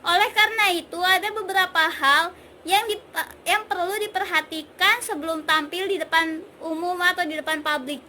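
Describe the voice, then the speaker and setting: A young woman in her twenties from Indonesia, a communication student, explaining public speaking warm-ups step by step in an instructional vlog. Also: extremely high pitch, steady tone, moderate pace, slight background noise. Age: 20s. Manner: clear, explaining step by step with demonstrations. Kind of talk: instructional vlog with vocal exercises.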